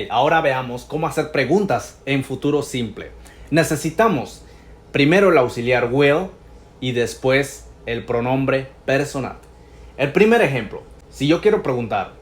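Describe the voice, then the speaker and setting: A man teaching English grammar in Spanish, patiently going over each example and repeating the English phrases slowly. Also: medium pitch, roomy sound.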